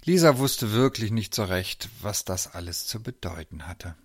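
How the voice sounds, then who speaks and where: Lively male storyteller. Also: lowish voice, moderate pace, no room sound, clean studio sound. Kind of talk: children's story narration.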